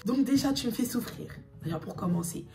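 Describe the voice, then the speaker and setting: A young woman telling a personal story to her viewers in a casual, animated, slangy and emphatic way. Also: a little high, brisk, vocal fry, far from the mic.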